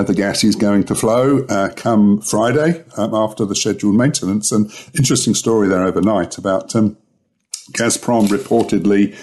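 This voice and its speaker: Man, markets analyst, halting with ums, low rough morning voice. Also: dark tone. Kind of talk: casual expert commentary.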